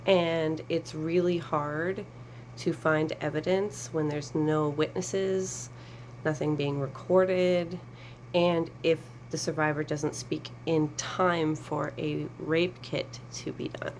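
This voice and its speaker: A woman's voice: low-pitched, steady tone, slow pace, darkish tone, a little hiss or hum, low-quality recording. A woman advocate speaking earnestly to camera, explaining a process with emphasis and sarcasm. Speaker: survivor advocate.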